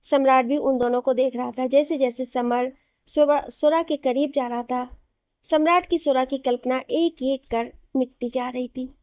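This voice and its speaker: A woman's voice: sits high, mellow, no room sound, studio quality. A woman storyteller reading a romantic Hindi novel aloud, giving the characters' lines in her own voice. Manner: reads narration and gives each character's lines in her own voice.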